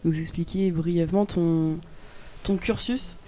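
An interviewer who asks brief questions that gently prompt the guest. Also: medium pitch, steady tone, slow.

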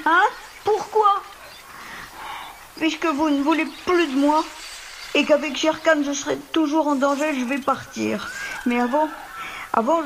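An earnest young jungle boy, as a male storyteller puts him on, speaking high and pleading. He sounds far above the narrator's own register, with a noticeable hiss of noise in the recording, in a storybook manner.

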